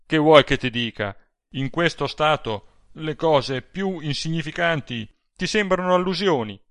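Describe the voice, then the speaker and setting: Un uomo robusto e cupo, letto dal narratore, con voce ruvida, tesa e più forte del racconto. Parla lentamente, in una registrazione asciutta e vicina. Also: male voice, a little high, measured pace, no room sound, clean studio sound, voice pushed up. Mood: tense. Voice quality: rough, dark tone. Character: burly brooding man, rough and tense. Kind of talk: audiobook reading.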